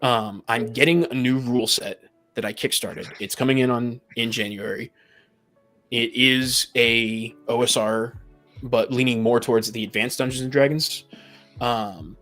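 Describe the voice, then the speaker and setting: A tabletop game master appearing as a podcast guest chats in a casual group setting with a medium-pitched, somewhat bright voice. He's talkative, stammering and repeating the beginnings of his phrases.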